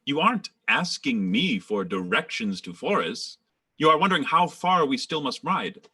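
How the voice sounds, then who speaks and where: A man voicing an assured actor-manager who directs his company and corrects the pronunciation. The voice is bright and animated, with plenty of pitch movement. He sounds sure of himself and a little grand. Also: moderate pace, husky. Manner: assured, explanatory, theatrical. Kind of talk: radio drama acting.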